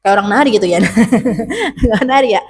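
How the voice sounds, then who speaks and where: A woman's voice: on the high side, big pitch swings, fairly quick, a little hiss or hum. A woman teacher, chatting to students about public speaking and asking many rhetorical questions. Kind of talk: casual advice to students.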